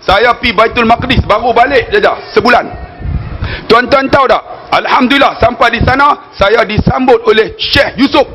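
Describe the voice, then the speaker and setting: Man, 40s, northern Malaysian accent: very high-pitched preacher, anecdotal and chatty with the crowd, light background noise. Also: normal speed, pushed and bright. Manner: storytelling, keeps addressing the audience as "tuan-tuan"; jokey asides to the crowd. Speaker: religious preacher. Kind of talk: religious lecture.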